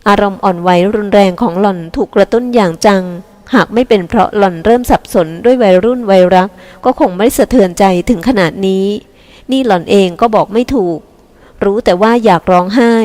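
A woman reading a novel aloud in a calm, steady storytelling voice. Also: medium pitch, big-room sound. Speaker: audiobook reader. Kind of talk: scripted narration.

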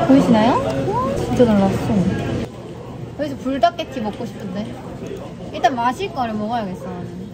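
A woman's voice: high voice, rough recording. A young woman chatting casually to her viewers while speaking through a face mask, indoors in a PC room. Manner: chatty, addresses viewers directly. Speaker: vlogger. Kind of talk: casual vlog chat to viewers. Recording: loud music and crowd behind.

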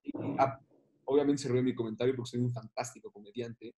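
A man with a Mexican accent tells stories as a comedian guest in a relaxed chat. His pitch sits mid-range for a man. He is animated and slangy, mocks himself, and jumps into other people's voices mid-story. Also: brisk, slight background noise. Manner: animated, slangy, self-mocking, acts out voices.

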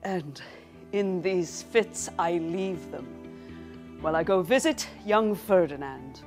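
A woman playing a boastful male would-be king in a comic stage parody, slow, grand and mock-regal. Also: on the low side, a little mellow, faint music behind, voice pushed down. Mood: commanding.

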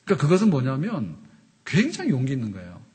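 A man's voice: medium pitch, wildly swooping pitch, fast talker, darkish tone, husky. A man in his fifties, a pastor preaching a conversational sermon at a pulpit microphone, often asking the congregation questions. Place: church sanctuary pulpit. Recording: reverberant church hall.

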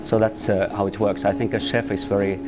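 A chef in his forties from Finland, speaking English with a Finnish accent, explaining steadily with small pauses in an interview. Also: lowish voice, little pitch movement, over loud music. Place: restaurant interior.

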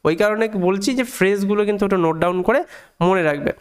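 A man from India teaching an English reading lesson with a high, smooth, resonant voice. He goes word by word, repeating meanings patiently and spelling out sounds. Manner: patient, breaks words down slowly and repeats points.

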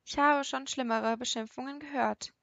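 A woman's voice: high voice, steady tone, moderate pace, creaky, a bit bright, dry recording. A woman reading the part of a cocky young man who teases with sarcastic remarks, in an audiobook. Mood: mocking. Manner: mocking, sarcastic.

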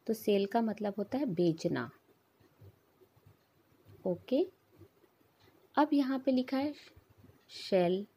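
A woman's voice: on the high side, lively intonation, slow pace, long pauses, mellow, slightly rough. A woman teaching an English pronunciation lesson to children, patiently explaining with repeated examples.

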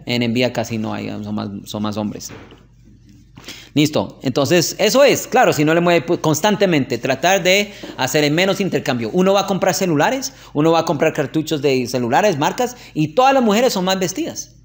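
With a fairly high pitch and lively intonation, this man talks at normal speed. As a religious teacher in a casual classroom lesson, he's chatty, asks "¿ok?" often, and tells anecdotes with laughter.

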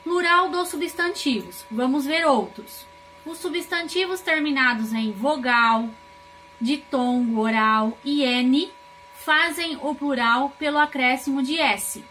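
A woman from Brazil, a teacher, giving a recorded grammar lesson and explaining slowly with rhetorical questions. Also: high voice, bright, forceful tone, a little hiss or hum.

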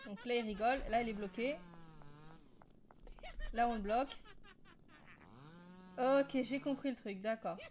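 A woman's voice: a little high, measured pace, pauses often, a little mellow, slight background noise. A woman giving casual commentary on a horror game, jumpy and panicky, often laughing and repeating herself. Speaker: let's play gamer.

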